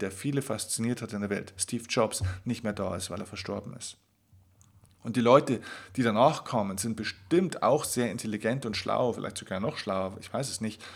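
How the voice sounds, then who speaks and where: A man hosting a podcast episode, giving an emphatic motivational monologue straight to the listener and slowing down to stress key words. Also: on the low side, slightly rough. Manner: addresses the listener directly. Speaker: podcast host.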